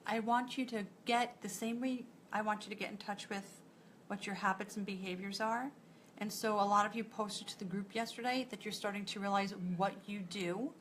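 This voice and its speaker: A woman's voice: medium pitch, steady tone, normal speed, fairly bright tone. New york lady coaching her group live, direct and encouraging, medium voice, bit of hiss behind. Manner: direct, encouraging, strings thoughts with "and so". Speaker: nutritionist coach.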